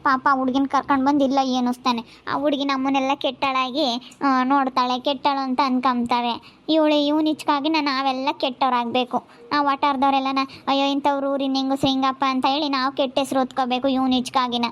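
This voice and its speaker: A woman's voice: high-pitched, little pitch movement, a little fast, fairly bright tone, highs cut off. Woman playing a tut-tutting village neighbor lady. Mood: sympathetic gossip. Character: gossipy sympathetic woman neighbor, middle-aged.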